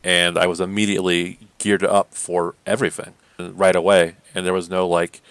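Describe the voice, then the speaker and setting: A man co-hosting a podcast, chatting casually about games in a rambling way, full of fillers and quick laughs. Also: deep voice, little pitch movement, a bit bright, clean tone, no echo. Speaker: podcast co-host. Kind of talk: casual gaming chat.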